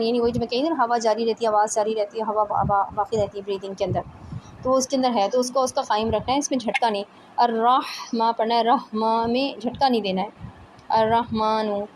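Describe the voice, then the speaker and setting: A woman teaching tajweed one-on-one, patiently explaining letters and demonstrating each sound slowly. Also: fairly high pitch, darkish tone, a little hiss or hum, low-quality recording. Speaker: Quran recitation teacher.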